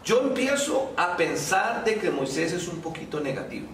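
High-voiced preacher in an echoey hall. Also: male voice, big pitch swings, normal speed, a little hiss or hum. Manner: acts out quoted lines, quizzes the congregation. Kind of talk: sermon. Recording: echoey hall, voice far from mic.

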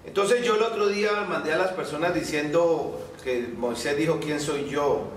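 A man with a high voice preaches a sermon in a church hall. He acts out the lines he quotes and keeps putting questions to his listeners. The sound is strongly echoey and he stands far from the mic, with faint room noise behind him. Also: normal speed.

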